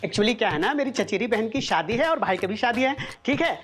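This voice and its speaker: A cheeky, wheedling male servant, begging his boss with a lively, bouncing delivery. Faint sitcom music plays behind. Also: high voice, fairly quick. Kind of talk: sitcom acting.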